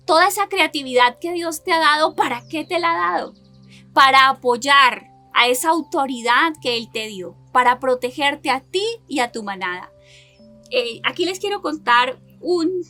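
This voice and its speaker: A woman's voice: high-pitched, sharp tone. A woman preaching a sermon and sharing a personal testimony, earnestly putting rhetorical questions to her listeners and building her points in repeated lists.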